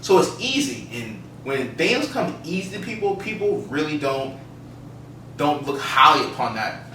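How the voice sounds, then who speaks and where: A man's voice: a little high, very animated, moderate pace, bright, forceful tone. A man co-hosting a podcast, explaining his opinions in casual, emphatic conversation. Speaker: podcast co-host. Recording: roomy, distant mic, faint noise.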